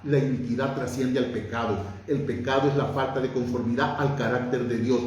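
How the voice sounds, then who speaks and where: A man's voice: mid-range voice, darkish tone. A man preaching a sermon, fervent and emphatic, his voice rising on key words. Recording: very echoey room, from far off.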